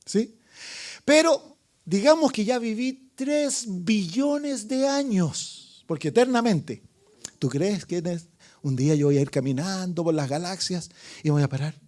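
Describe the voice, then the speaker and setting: A man preaching an evangelistic sermon as pastor, dramatic and swinging from loud calls to hushed asides, asking the congregation questions and calling for amens. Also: high-pitched, expressive, unhurried.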